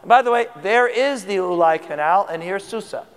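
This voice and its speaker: In this sermon teaching, the preacher talks in a conversational manner and asks his listeners questions, his voice tired and high-pitched at normal speed. Poor audio and a big-room sound mark the recording.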